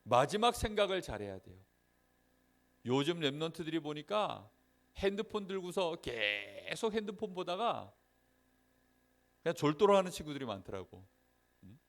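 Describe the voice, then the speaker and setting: A man's voice: fairly high pitch, moderate pace, long pauses. A man giving a sermon to a children's Sunday school class, asking the children questions and checking that they follow. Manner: lively storyteller, acts out little scenes.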